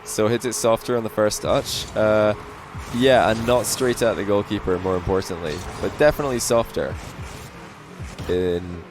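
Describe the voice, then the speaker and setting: A man giving relaxed, casual coaching commentary on a game replay, with frequent fillers. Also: on the low side, moderate pace, background noise. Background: faint lo-fi background music.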